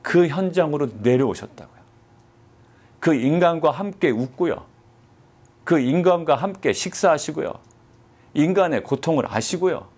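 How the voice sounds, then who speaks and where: Korean pastor preaching with rhetorical questions. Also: male voice, fairly high pitch, expressive, moderate pace, long pauses, a little mellow. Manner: rhetorical questions, quoting God in a mock-gruff voice. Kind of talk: sermon.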